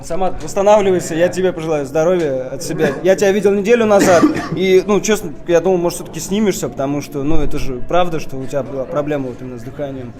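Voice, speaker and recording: A man's voice: a little high, fast talker, hardly any pauses. A man interviewing a fighter after a bout in a casual, conversational way. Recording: busy crowd noise behind. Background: crowd at a fight event.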